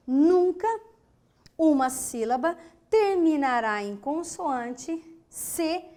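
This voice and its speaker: A Brazilian woman teaches an online grammar class at an unhurried pace. Her voice sits high, and she breaks words into syllables with clear emphasis. She keeps asking the students rhetorical questions. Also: a little mellow. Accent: Brazilian Portuguese.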